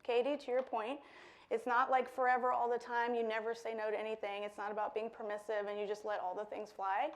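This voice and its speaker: A woman leading an interactive workshop before a live audience, lively and playful, laughing often. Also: fairly high pitch, brisk. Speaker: workshop speaker. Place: lecture room with a live audience.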